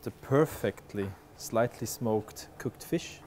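A man's voice: medium pitch, slow, slight background noise. Chef explaining a dish as he cooks. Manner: relaxed, explanatory, frequent "uh" fillers. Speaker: head chef. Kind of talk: explaining a dish while cooking. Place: large restaurant kitchen. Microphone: lapel.

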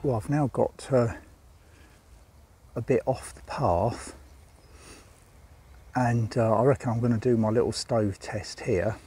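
An older man vlogs while walking in a wood, casually chatting about his camping gear with plenty of ums and uhs. His mellow voice sits at medium pitch, and he talks slowly with frequent pauses. Soft music plays in the background.

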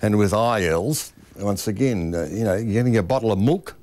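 A man's voice: on the low side, moderate pace, crowd noise. A man, working as a voice coach, explaining speech habits in an interview and demonstrating pronunciation precisely.

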